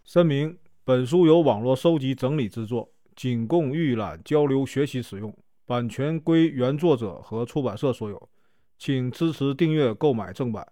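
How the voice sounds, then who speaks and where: A man's voice: medium pitch, lively intonation, normal speed, dark tone, no echo, clean studio sound. A man narrating a traditional folk tale in a chatty, conversational way, stretching out filler particles between phrases. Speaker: storyteller.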